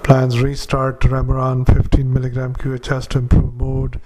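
A clinician dictating a patient report into a dictaphone, halting with frequent filler sounds and restarts. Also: male voice, mid-range voice, completely flat delivery, dark tone. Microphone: handheld dictaphone.

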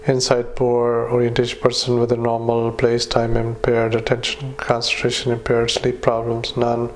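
Male physician, dictaphone recording of clinical notes, utterly flat delivery, frequent hesitations. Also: medium pitch, a little hiss or hum. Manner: flat, halting dictation with many fillers, spells out names. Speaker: doctor. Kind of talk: dictating a medical report into a dictaphone.

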